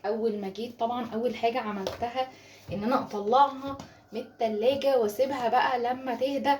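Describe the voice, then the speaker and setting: A woman's voice: fairly high pitch, a little hiss or hum. A woman with an Egyptian accent hosting a casual home cooking tutorial, chatty and coaxing as she talks her viewers through each step in her kitchen. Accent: Egyptian Arabic. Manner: chatty and warmly coaxing, addresses viewers as ladies. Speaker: home cooking channel host.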